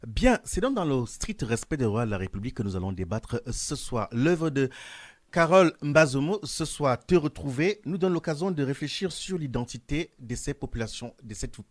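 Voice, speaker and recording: A man hosting a radio talk show from the studio. He asks long, formal questions in a measured, deliberate way, at a middling pitch. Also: lively intonation, no echo. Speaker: radio host.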